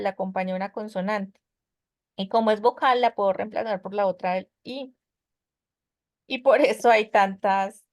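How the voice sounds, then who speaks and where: Her voice sits in the mid range, captured as a dry, studio-quality recording. Leading an English grammar lesson over a web conference, she explains things patiently one step at a time and keeps checking in with her students through frequent questions.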